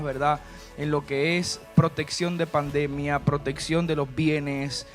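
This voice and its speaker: A man pastor hosting a church talk show, talking in a chatty preaching manner with frequent tag questions. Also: fairly high pitch. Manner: preachy, warm and chatty, with many "¿verdad?" asides. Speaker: pastor and host.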